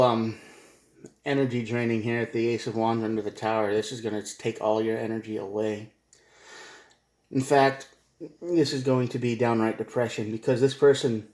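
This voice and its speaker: A man at an ordinary middle pitch gives a casual tarot reading. He rambles, repeats himself and tosses in slangy asides. His voice echoes around a bare, reflective room. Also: darkish tone. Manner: rambling, repetitive, slangy, says "man" and "bro". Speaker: tarot reader.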